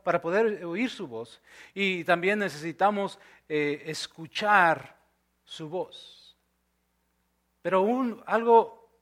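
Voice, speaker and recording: A male pastor preaching a sermon, dropping to soft near-whispers and then rising to loud, emphatic lines. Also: sits high. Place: church.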